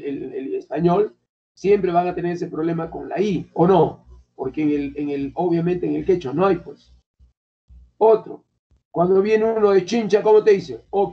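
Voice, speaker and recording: The speaker is a male language teacher from Peru with a high voice, giving a lecture in a classroom. He keeps things colloquial and continually quizzes his students, captured on a dull, lo-fi recording.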